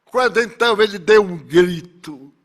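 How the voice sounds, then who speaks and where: A man voicing a grieving woman survivor who forgives her tormentor, speaking slowly and solemnly. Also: high voice, fairly bright tone, pitched above the performer's own voice.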